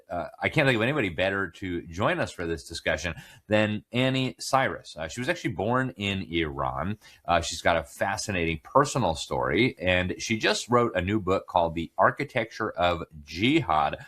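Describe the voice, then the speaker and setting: A man's voice: low-pitched, a bit bright. A man hosting a political interview, talking conversationally with frequent fillers and hesitations. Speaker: interview host.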